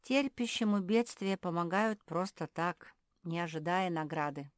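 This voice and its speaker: A polite, sensible young male animal speaks calmly and reasonably, as a woman reads him. The voice is lower-pitched, slow and dry. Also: smooth, dry recording, lightly acted.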